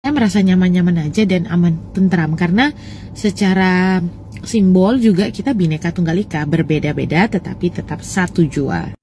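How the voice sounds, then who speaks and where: A woman's voice: fairly low pitch, normal speed, dark tone, slight background noise. A young woman from Indonesia recounting her own experience in a conversational way, hesitating now and then. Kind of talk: casual personal account.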